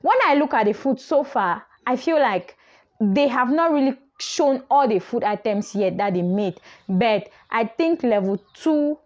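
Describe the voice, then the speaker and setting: A woman's voice: fairly high pitch, animated, a little slow, darkish tone, highs cut off. Chatty young woman commentator. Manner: chatty and opinionated, thinking aloud with fillers. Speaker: reality show commentator. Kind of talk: casual chat.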